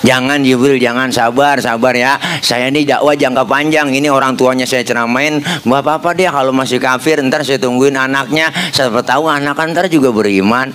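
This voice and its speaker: A man voicing a gentle, patient male prophet who speaks softly and calmly. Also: medium pitch, normal speed, few pauses, smooth, close to an everyday voice. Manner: soft, pleading and patient.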